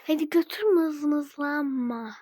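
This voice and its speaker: A bossy mother hands out orders and scolds her daughter for whining, her voice high and slow. It is a woman playing her in a doll-game role-play, recorded dry and close to the mic. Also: dark tone, no echo.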